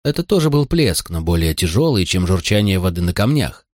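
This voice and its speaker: Expressive male audiobook narrator. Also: low-pitched, fairly quick, no room sound, clean studio sound. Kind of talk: scripted narration of a novel.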